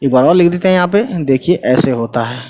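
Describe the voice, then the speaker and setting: A man teaching an online Urdu writing lesson, spelling words slowly letter by letter and checking in with the viewers often. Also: mid-range voice, a little mellow. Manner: spells out letters slowly, tags lines with "ठीक है" and "guys". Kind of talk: casual spoken lesson.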